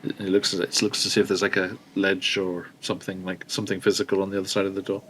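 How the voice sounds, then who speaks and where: Low-pitched man playing a tabletop game. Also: flat delivery, fast, fairly bright tone, slight background noise. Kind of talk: casual game chat, describing character's actions.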